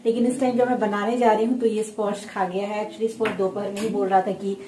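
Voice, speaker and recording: A woman from India with a hoarse, sore throat, chatting casually in a home vlog and explaining things step by step as she cooks. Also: medium pitch, little pitch movement, quick pace, noisy background. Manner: chatty, homely, explains step by step with many fillers. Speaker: vlogger and mother. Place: home, kitchen.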